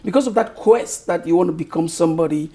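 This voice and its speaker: A crowd can be heard behind a middle-aged Cameroonian author being interviewed. Speaking with a Cameroonian accent in a slightly high voice, he answers slowly and thoughtfully, often pausing to find his words.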